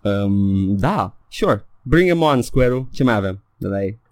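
A man's voice: on the low side, expressive, no room sound, studio quality. A young man co-hosting a casual gaming podcast, talking animatedly with lots of fillers and English phrases mixed in. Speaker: podcast co-host.

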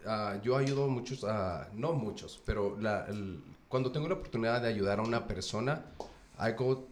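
A man speaking as a mentor in a podcast discussion, halting and full of fillers, switching between two languages. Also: on the low side. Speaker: podcast guest, mentor who builds leaders. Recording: echoey room, faint noise.

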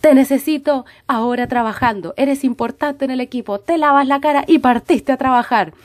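A brisk, bossy female manager on a cruise ship, as a woman telling the story puts her on. She gives firm, scolding orders in a raised, pushy voice, spoken aloud in a casual story. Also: sits high, pitched above the performer's own voice, close to an everyday voice.

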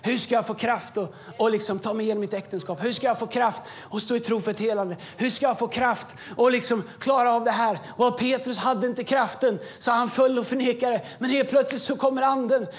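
A man giving an impassioned sermon as a pastor on a church stage, swinging from quiet stretches to shouting. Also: extremely high pitch, steady tone, hardly any pauses. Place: church stage with music behind.

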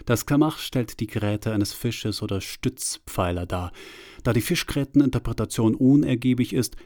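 A man narrating a scripted literary story, reading invented words in a deadpan, earnest manner. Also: medium pitch, moderate pace, no room sound, clean studio sound.

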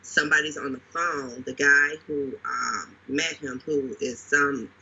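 A man talking casually with a very husky, bright voice. He retells things dramatically and leans on repetition. The recording sounds dull and lo-fi. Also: mid-range voice, steady tone, unhurried. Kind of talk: casual conversation. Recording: dull lo-fi audio.

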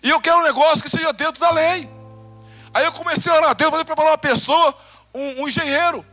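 A male pastor with a Brazilian Portuguese accent preaching a testimony sermon, acting out conversations and swinging between loud bursts and hushed lines. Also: very high-pitched, steady tone, quick pace, faint music behind.

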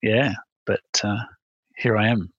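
A man from Melbourne, a guest on a podcast over a video call, speaking thoughtfully with many pauses and fillers. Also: lowish voice, steady tone, a bit bright, no room sound, dull audio. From Melbourne, Australia. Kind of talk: casual interview chat.

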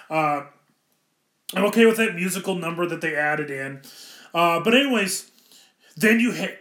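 Man, high-pitched, rambling, enthusiastic film talk, echoey room. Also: pushed and bright. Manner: rambling, enthusiastic, self-correcting. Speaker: film reviewer. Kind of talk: casual film commentary.

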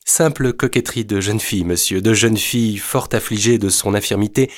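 A man reading aloud, voicing a young deaf-mute woman who explains herself in a crisp, slightly haughty way. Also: lowish voice, fairly quick, natural voice. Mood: dry, composed. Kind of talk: storybook reading.

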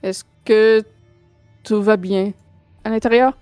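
A worried but hospitable man, played by a woman in a tabletop game. The speech is polite and hesitant, slow, with a dry sound. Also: medium pitch, steady tone, a little mellow, smooth, no room sound, faint music behind, natural voice. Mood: concerned. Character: worried, hospitable innkeeper-like man outside a hut.

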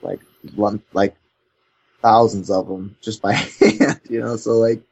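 A man's voice: lowish voice, slow pace, gravelly, slightly rough. A man being interviewed as a company co-founder, telling stories in a rambling way full of "like" and "you know". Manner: rambling, heavy with "like" and "you know", animated storytelling. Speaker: guest, co-founder of a controller company. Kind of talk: casual interview chat.

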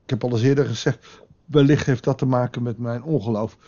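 A man's voice: medium pitch, steady tone, a little fast, dark tone, dull audio. A man preaching a devotional sermon in a conversational way, now and then acting out quotes with a raised voice. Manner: conversational, with dramatic acted quotes. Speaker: pastor.

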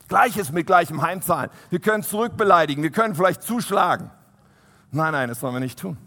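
A man preaching a sermon to a congregation. He is animated, swinging from loud emphasis to soft, quiet asides. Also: sits high, fairly quick. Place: church hall. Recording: long hall reverb.

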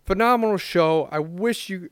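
A man's voice: high voice, normal speed, clear, resonant tone, dry recording, studio quality. A man hosting his own podcast, chatting loosely with fillers and restarts. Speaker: podcast host. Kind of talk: casual podcast chat.

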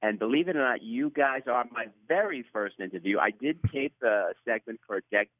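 Male interview guest, Brooklyn accent, emphatic and repetitive delivery, mid pitch, dry but dull lo-fi radio audio. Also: expressive, moderate pace, no room sound. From Brooklyn, New York, USA.

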